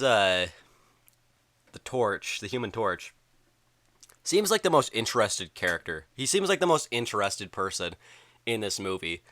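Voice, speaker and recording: A man's voice: fairly low pitch, sharp tone. A young man giving a casual spoken film review, rambling with lots of ums and likes, recorded close on a home mic. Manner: rambling, filler-heavy, with frequent ums and likes. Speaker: movie reviewer.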